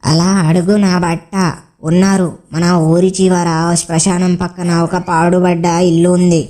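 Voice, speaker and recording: A woman playing a sharp-tongued old village grandmother who scolds and teases with insults in a comedy skit. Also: fairly low pitch, flat delivery, normal speed, noisy background, natural voice. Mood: scolding. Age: older.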